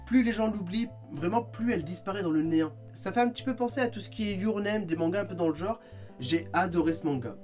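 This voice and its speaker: A man chatting casually in a video review, lively with quick asides, sounding tired. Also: high voice. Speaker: manga vlogger.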